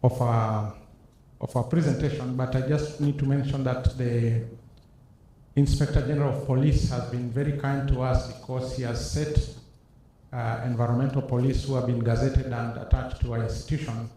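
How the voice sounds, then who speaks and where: A male presenter finishes his talk with a monotone, hesitant delivery. His dark, mellow voice rings through a very echoey hall, over faint ambience. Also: mid-range voice, moderate pace, a little hiss or hum. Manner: hesitant, many fillers. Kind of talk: conference presentation.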